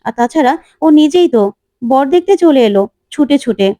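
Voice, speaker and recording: A resigned young bride-to-be with a quiet, pleading way of talking, put on by a woman narrating. The voice sits high and mellow. It is recorded close and dry. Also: lively intonation, moderate pace, no echo. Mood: pointed.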